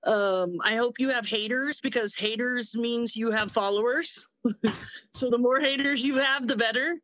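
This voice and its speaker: Woman, podcast guest, hesitant, warm praise, dry sound. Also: a little high, normal speed, no echo, low-quality recording. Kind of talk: casual podcast chat.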